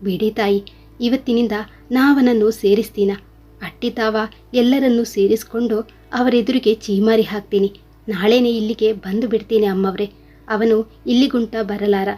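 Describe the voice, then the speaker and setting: A woman voicing a poor young mother working as a maid, pleading and sobbing softly. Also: on the high side, fairly even intonation, moderate pace, faint music behind, lightly acted. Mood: resolved.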